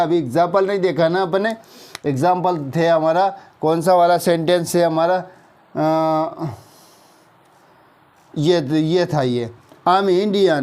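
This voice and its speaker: Hindi-accented guy teaching english grammar real slow, kinda high voice, keeps asking "theek hai na". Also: a little mellow. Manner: slow explaining, drawn-out example sentences, frequent "theek hai na" checks. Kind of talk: classroom-style grammar lesson.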